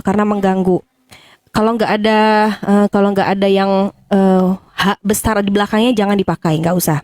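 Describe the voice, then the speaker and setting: A woman judging Arabic pronunciation in a singing contest, methodical and halting. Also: mid-range voice, a little mellow, dry recording. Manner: methodical, hesitant with many "eh" fillers. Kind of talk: critique in an online singing contest.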